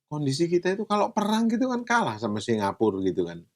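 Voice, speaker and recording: A man's voice: fairly high pitch, wildly swooping pitch, fast talker. A man hosting a podcast who asks polite questions and keeps up short backchannels. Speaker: podcast host. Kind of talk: casual interview conversation.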